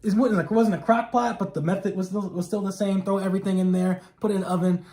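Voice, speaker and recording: A man's voice: sits high, fairly even intonation, fast, darkish tone. A man chats casually as co-host of a show. His talk is informal and affirming, peppered with slangy interjections. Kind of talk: casual chat.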